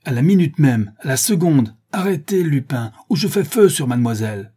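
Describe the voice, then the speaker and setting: Male narrator as a proud English detective: clipped, commanding, mellow and husky. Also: lowish voice, moderate pace. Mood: furious.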